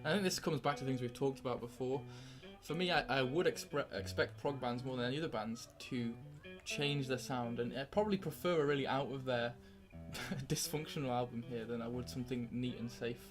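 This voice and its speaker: A man with a British accent hosting a casual podcast, chatty and quick to break into laughter. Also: mid-range voice, music in the background. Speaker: podcast host. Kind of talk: casual chat.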